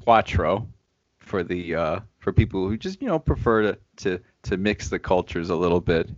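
Low-voiced playful man on a video call. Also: expressive, moderate pace, no echo, dull audio. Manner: playful, teasing. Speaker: podcast host. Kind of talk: casual chat.

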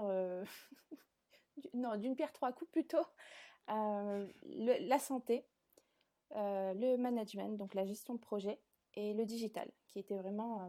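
A woman's voice: medium pitch, warm tone. A woman in her twenties from southern France, answering interview questions in a chatty way with frequent hesitations. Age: 20s. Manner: chatty, many filler hesitations. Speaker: guest, content creator.

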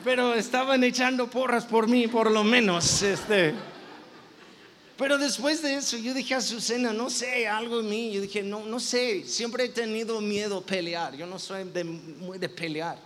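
A man's voice: high-pitched, steady tone, a little slow, a bit bright, a little hiss or hum. A man, a pastor, telling a personal story in a sermon, with many restarts and self-corrections. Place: church.

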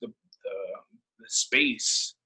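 Speaking extremely slowly, a young man from El Salvador talks informally and personally, pausing to find words and saying things more than once. His voice comes across as pushed and bright, captured in a low-quality recording.

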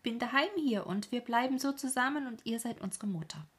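A woman reading aloud, voicing a gentle, shy young boy in a breathy voice. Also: fairly high pitch, fairly quick, voice pushed up. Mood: earnest.

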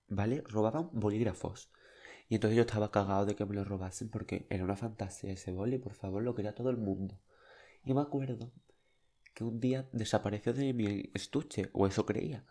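A man's voice: lowish voice, warm tone. A young man, telling childhood anecdotes in a chatty, flamboyant, dramatic way. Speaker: podcast host. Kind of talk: casual storytelling monologue.

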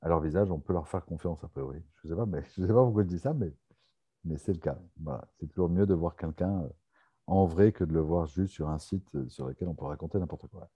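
A man hosting a live online question session, joking with callers and pausing often with fillers. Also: sits low, slightly rough, highs cut off. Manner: teasing, hesitant with many fillers. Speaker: webinar host.

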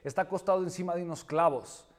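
A man doing a calm dog owner. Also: high-pitched, fast, pitched above the performer's own voice, lightly acted. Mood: matter-of-fact. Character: calm older male dog owner, matter-of-fact.

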